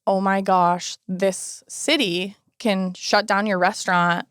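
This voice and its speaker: A woman's voice: mid-range voice, slow, clean tone, no echo, clean studio sound. A woman in her early thirties, a guest in an interview, telling her story in a casual way and acting out quoted remarks along the way. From Alaska, United States. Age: 30s. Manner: storytelling, animated quoted asides. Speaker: guest, city housing and homelessness coordinator.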